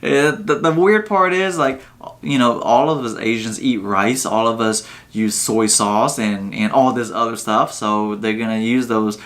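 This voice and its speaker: A man hosting a casual reaction video, talking in a relaxed, rambling way with plenty of fillers. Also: medium pitch, measured pace. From Vietnam. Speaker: channel host.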